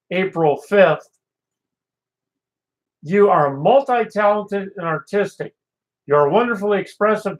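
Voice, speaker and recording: A man's voice: sits high, poor audio. A man hosting a casual local radio show, reading weather, listener ads and birthday notes in an easygoing way.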